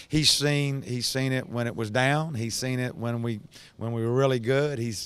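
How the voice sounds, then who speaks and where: Smooth-voiced older coach, halting speech. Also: male voice, medium pitch. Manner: halting, many restarts and fillers. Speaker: basketball head coach. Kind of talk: post-game interview. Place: empty indoor basketball arena. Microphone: handheld reporter mic.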